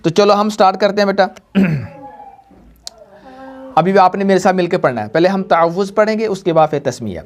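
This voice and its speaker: A man teaching a Quran reading class, patiently repeating points and quizzing students in call-and-response. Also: high voice. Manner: repetitive call-and-response questioning; patient, slow drilling. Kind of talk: classroom lesson to students and viewers.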